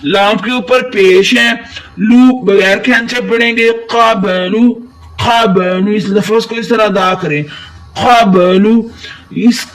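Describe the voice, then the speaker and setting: A man's voice: sits high, steady tone, unhurried, a bit bright, recorded from a distance, low-quality recording. A man teaching Quran recitation with a Pakistani Urdu accent, patiently explaining letters and drawing out recited syllables. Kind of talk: tajweed lesson, spelling out letters.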